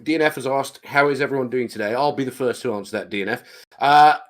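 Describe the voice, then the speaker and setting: Bloke on a gaming podcast stream, jokey, a bit theatrical. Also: male voice, medium pitch, very fast, fairly bright tone. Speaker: podcast co-host. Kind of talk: casual livestream chat.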